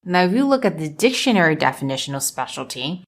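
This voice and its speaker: A woman with a notably low voice hosts a solo podcast on a microphone. Measured and deliberate, she stacks her ideas into emphatic lists as she coaches her listeners. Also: big pitch swings. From United States. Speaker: podcast host and business coach. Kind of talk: solo motivational podcast talk.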